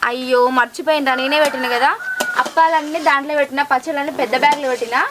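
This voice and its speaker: A woman playing a brisk high-voiced Telangana village woman. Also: steady tone, very noisy, natural voice. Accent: Telangana Telugu. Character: young village woman packing bags, affectionate. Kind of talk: village comedy skit acting. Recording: loud music behind the voice.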